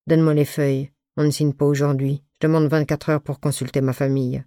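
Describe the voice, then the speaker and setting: Woman doing a calm, gruff male stage partner. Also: sits low, brisk, no room sound, clean studio sound, natural voice. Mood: blunt. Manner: calm, never raises his voice.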